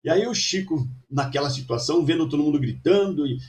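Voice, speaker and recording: A man with a slightly high voice tells stories as a guest. He stumbles and repeats words as he goes. He sounds a little distant from the microphone. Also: animated, quick pace, a little mellow. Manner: hesitant, many repeated words. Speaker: guest storyteller. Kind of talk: anecdotal storytelling in a talk show.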